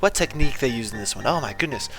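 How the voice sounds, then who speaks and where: A man voicing a pompous, fussy art snob who gushes in a slow, affected way. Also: mid-range voice, lively intonation, pushed and bright, faint music behind. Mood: pretentious.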